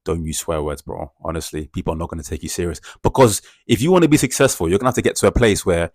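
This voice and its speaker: A man's voice: low voice, quick pace, a little mellow, no echo, studio quality. A man giving an emphatic, repetitive motivational talk, filling gaps with "yeah" and "bro". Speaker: self-improvement speaker.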